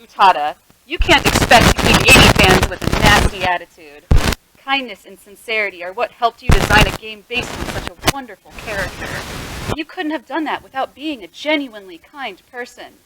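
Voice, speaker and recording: A woman's voice: a little high, lively intonation, moderate pace, heavy background noise. A woman playing a tabletop game, earnestly delivering a prepared in-character speech. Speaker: player.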